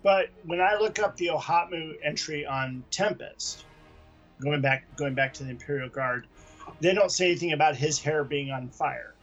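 A man's voice: fairly high pitch, moderate pace, a bit bright, dull audio, soft background music. A man co-hosting a podcast, chatting casually about comics in a rambling, enthusiastic way. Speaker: podcast co-host.

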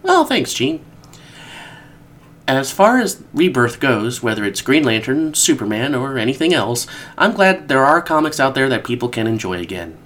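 A Midwestern American man hosts a casual podcast while stuffed up from a cold, rambling in an animated way and correcting himself as he goes. His voice is mid-range and he talks at a moderate pace.

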